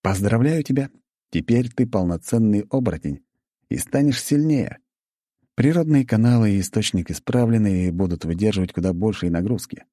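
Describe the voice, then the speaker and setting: A man doing a calm teasing healer. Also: on the low side, normal speed, dry recording, studio quality, voice pushed up. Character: calm, teasing male healer, first-person hero.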